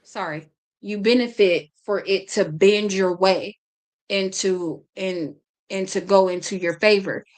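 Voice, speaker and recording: A woman's voice: mid-range voice, measured pace. A woman hosting a podcast, chatting casually, talking a lot and often stumbling and restarting her sentences. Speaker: podcast host.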